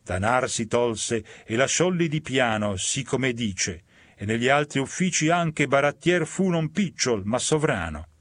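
Man, mid-pitched voice, measured dramatic recitation of medieval verse, dry close recording. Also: lively intonation, fairly bright tone, no echo. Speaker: reader.

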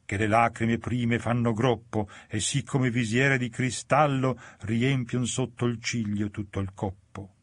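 A man's voice: fairly even intonation, no room sound. Man solemnly reciting epic verse. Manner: measured and solemn, dropping low on grave lines. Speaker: reader.

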